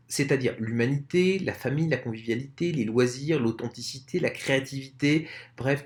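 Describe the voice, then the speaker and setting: A man giving an informal explainer talk to camera, speaking conversationally and addressing viewers directly. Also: mid-range voice. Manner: lively, expressive intonation. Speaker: online presenter.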